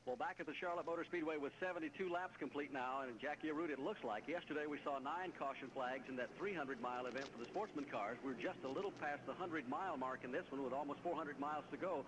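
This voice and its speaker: A man's voice: on the high side, fast talker, few pauses, noisy background. An American man, a motorsport commentator anchoring live race coverage on radio. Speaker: motorsport commentator, lead announcer.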